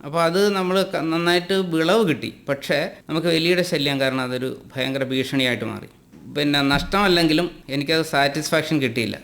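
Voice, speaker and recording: A man from Kerala, a farmer guest with a Malayali accent, explaining his methods in plain, unhurried interview talk with some hesitations. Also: on the high side, fairly bright tone. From Kerala, India.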